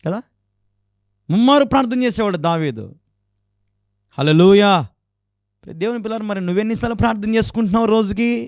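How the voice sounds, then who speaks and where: A man's voice: high voice, racing, dry recording. Man, pastor, sermon, resonant voice, dry close recording, rhetorical questions. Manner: exhorting, repeated rhetorical questions.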